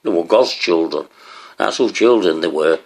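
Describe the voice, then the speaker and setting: A man's voice: sits low, lively intonation, normal speed, darkish tone. A man rambling to his viewers in a swearing, ranting monologue, often asking them questions. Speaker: vlogger.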